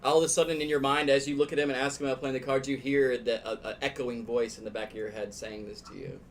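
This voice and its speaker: A man working as game master, improvising narration for a tabletop fantasy game in a halting way. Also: medium pitch, steady tone, slight background noise. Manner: halting, repeats words as he improvises.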